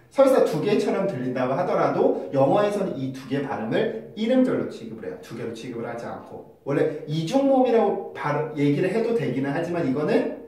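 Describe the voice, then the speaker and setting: A man's voice: a little high, mellow. A man teaching English pronunciation in a casual video lesson, explaining patiently and moving between polite and casual speech. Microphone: phone camera with a mic on it. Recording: very echoey room, mic at a distance.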